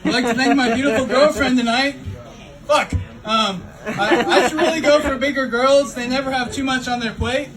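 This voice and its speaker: High-voiced man doing halting stand-up. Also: steady tone. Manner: halting delivery full of ums and uhs. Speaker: stand-up comedian. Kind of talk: stand-up set. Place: comedy club stage before a laughing crowd. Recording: distant room recording with loud crowd laughter.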